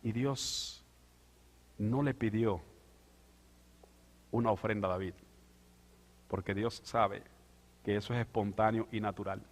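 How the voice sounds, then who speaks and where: A male pastor preaching a sermon, moving from quiet asides to loud, drawn-out proclamation. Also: lowish voice, steady tone. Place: church sanctuary. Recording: church hall with long reverb.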